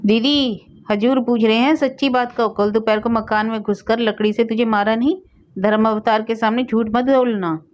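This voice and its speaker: A woman's voice: medium pitch, a little fast, darkish tone, natural voice. A woman voicing a sly, fearful village man who taunts and tattles, in a storybook reading. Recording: dull lo-fi recording.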